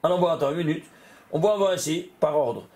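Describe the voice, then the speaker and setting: A man, a rabbi, giving an animated Torah lesson, often exclaiming and putting questions to his listeners. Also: a little high, brisk.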